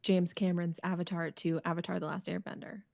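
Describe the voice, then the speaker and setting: A woman's voice: on the low side, level tone, fast, vocal fry, darkish tone, no room sound, studio quality. A woman co-hosting a casual group podcast, speaking in an insistent, matter-of-fact way. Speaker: podcast co-host.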